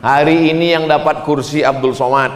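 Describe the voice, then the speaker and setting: A man preaching, his voice sitting fairly high. He moves between chanted Arabic prayer lines and jokes for the audience. He is recorded through a microphone in a big, reverberant hall. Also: steady tone, moderate pace. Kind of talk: humorous sermon. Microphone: handheld or stand microphone.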